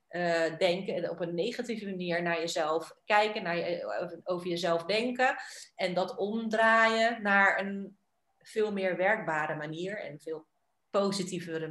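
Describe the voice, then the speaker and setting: A woman's voice: lowish voice, a bit bright. Hesitant woman host in a roomy echo. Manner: hesitant, many fillers. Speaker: podcast host. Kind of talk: podcast interview.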